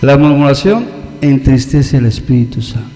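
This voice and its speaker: A man's voice: mid-range voice, expressive, normal speed, dark tone. A man with a Mexican accent preaching a conversational sermon, acting out the voices of people he quotes. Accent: Mexican Spanish. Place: church hall. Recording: long church reverb.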